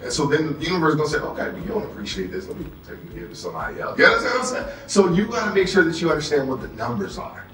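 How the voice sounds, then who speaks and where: His pitch sits high and swoops wildly as he races along with few pauses, the tone a bit bright. He's an American motivational trainer running an interactive sales workshop and regularly checking in with the room. Expect echo, a far-off mic, and faint music.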